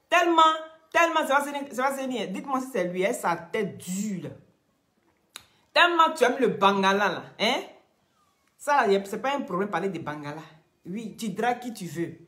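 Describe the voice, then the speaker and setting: A Cameroonian woman with a Cameroonian French accent speaks on a social media live stream in a medium-pitched, fairly bright voice, in an echoey room. She mocks and scolds, repeats her points, and breaks into laughs.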